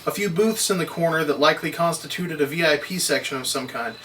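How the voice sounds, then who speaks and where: At a table read, a man reads a script's stage directions in a fairly high, very bright, forceful voice, going fast. The mic is some distance away, picking up faint noise in the room.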